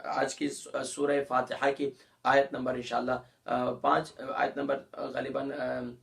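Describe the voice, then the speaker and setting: A man teaching a Ramadan tajweed lesson. He explains letter sounds, then recites verses slowly with long drawn-out vowels. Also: mid-range voice, completely flat delivery, vocal fry, a bit bright.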